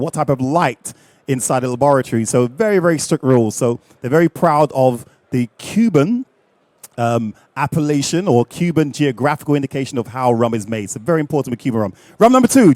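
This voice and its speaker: A middle-aged man leading a live rum tasting, lively and jokey, chatting with his audience. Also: mid-range voice, no room sound.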